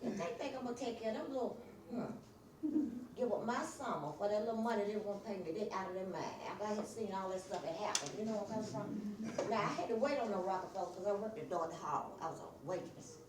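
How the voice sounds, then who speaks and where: A woman's voice: medium pitch, fast talker, distant mic. An older woman telling a story from her past in a church class, frank and plain-spoken. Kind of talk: personal storytelling. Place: church meeting room. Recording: echoey room from afar with noise.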